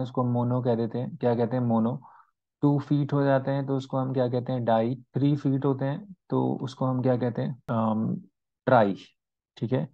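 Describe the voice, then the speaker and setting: A man with an Indian accent teaching an online exam-prep class, mixing Hindi and English and asking and answering his own questions. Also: mid-range voice. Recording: slightly dull lo-fi audio.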